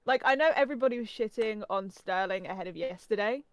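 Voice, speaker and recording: A young woman from England with a softened Norfolk accent, co-hosting a casual podcast chat and rambling with lots of fillers. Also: mid-range voice, fast. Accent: English, softened Norfolk. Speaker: podcast co-host.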